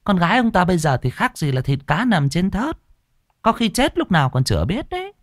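A man's voice: high-pitched, sing-song, fairly quick, no room sound, studio quality, voice pushed up. A man voicing a second village gossip who gives knowing, foreboding warnings, in a story reading. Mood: ominous. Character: second gossiping villager, ominous, whispering doom.

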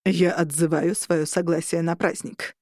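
A furious male vampire marshal snarls and shouts in a voice pitched low, as a woman reading a story puts him on. His words come slow and heavy, and the sound is dry and close. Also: steady tone, no echo. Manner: growling, shouting.

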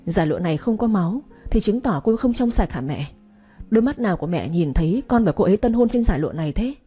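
A woman's voice: medium pitch, lively intonation, fast talker, mellow, breathy edge, soft background music. A woman voicing a wealthy young husband who speaks coldly and harshly, giving orders in a storybook reading. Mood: cold fury. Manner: harsh, commanding. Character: cold angry young husband, wealthy household heir.

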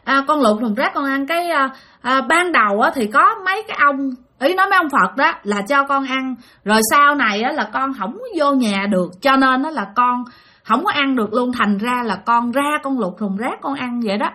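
Brief: a pleading ghost of a drowned little boy, put on by a woman with a Southern Vietnamese accent, high and whiny. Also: lively intonation, normal speed, sharp tone, full character voice. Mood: plaintive. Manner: plaintive, complaining.

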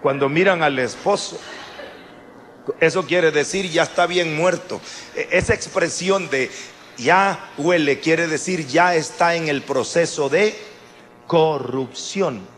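A man preaching a sermon in an animated way, with chatty asides to the congregation. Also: fairly high pitch, slow, slight background noise.

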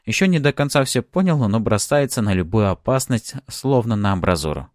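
Ironic, expressive male audiobook narrator. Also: on the low side, fairly quick, no room sound, studio quality. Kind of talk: first-person audiobook narration.

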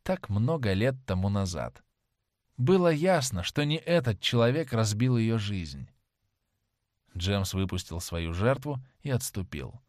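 A man giving a dramatic, expressive scripted narration of a novel into a close mic. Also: on the low side, measured pace, no echo. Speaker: audiobook narrator.

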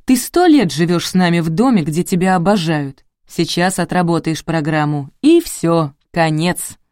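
A woman voicing a brisk, bossy older woman who runs the household, read in an audiobook. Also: fairly low pitch, darkish tone, no echo, studio quality, close to an everyday voice. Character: fussy elderly woman, house owner.

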